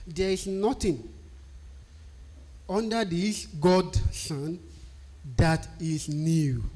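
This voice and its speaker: On a live stream about technical writing, a Nigerian-accented man from Nigeria, a non-native English speaker whose first language is Nigerian, keeps asking and answering his own questions. His voice is on the high side and a little mellow.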